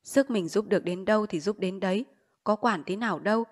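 A woman reads a novel aloud for listeners. Her narration moves briskly and evenly through the story. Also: medium pitch. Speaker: audiobook narrator.

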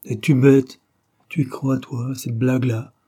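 A man's voice: mid-range voice, flat delivery, measured pace, mellow, breathy edge. A man voicing a sceptical young painter who dryly chides his friend. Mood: chiding.

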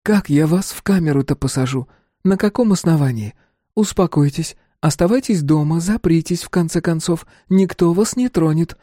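A firm female investigator, put on by a male reader in a raised, mellow voice, speaking in a businesslike way. Her lines are calm and commanding. The sound is dry and close. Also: a little high, normal speed, no room sound, voice pushed up, lightly acted. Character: stern female Soviet investigator, middle-aged.

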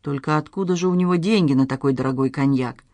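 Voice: medium pitch, quick pace, a little mellow, pitched below the performer's own voice, close to an everyday voice. A narrator voicing a stern, unflappable male police captain who talks bluntly, read in an audiobook. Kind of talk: audiobook character reading.

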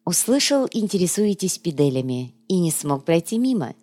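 A woman voicing a sly male schemer who speaks in a soft, purring, ingratiating way. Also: fairly low pitch, big pitch swings, normal speed. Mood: coaxing.

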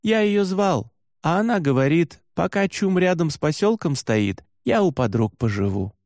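A man's voice: fairly high pitch, normal speed, no echo, clean studio sound, pitched above the performer's own voice. A man reading an audiobook, voicing a cheeky, eager young male herder with an offhand manner. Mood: dismissive. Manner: offhand, lively, a bit sly.

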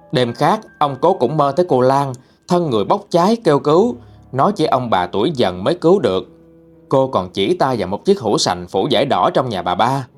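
A man with a Southern Vietnamese accent, hosting a channel and narrating ghost stories in a dramatic, expressive way. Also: mid-range voice. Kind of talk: storytelling narration.

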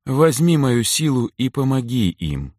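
A man voicing a dying elf woman who speaks weakly, slowly and softly in an audiobook. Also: mid-range voice, very animated, no echo, clean studio sound, pitched above the performer's own voice. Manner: weak, slow, soft. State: weak, whispering. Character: dying elf woman, weak, tender, calm.

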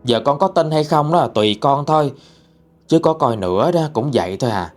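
A man voicing an old female fortune teller who speaks low, quiet and ominous. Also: animated, a little fast, soft background music, lightly acted. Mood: grave. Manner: low hushed ominous delivery.

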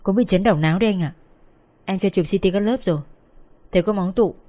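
A woman voicing a male hospital doctor who calmly explains a patient's condition. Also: mid-range voice, fast, close to an everyday voice. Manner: calm, explanatory.

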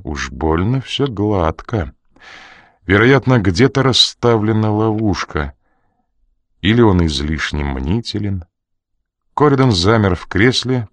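A man narrating an audiobook in a steady, even reading manner. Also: fairly low pitch, no room sound. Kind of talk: scripted narration.

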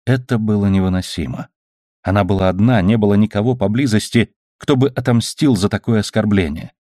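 Male audiobook narrator, low and measured, dry studio sound. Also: mellow, dry recording.

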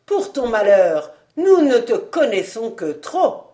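A woman's voice: a little high, very animated, takes it slowly, dark tone. A woman doing a stern old outlaw chief. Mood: mocking.

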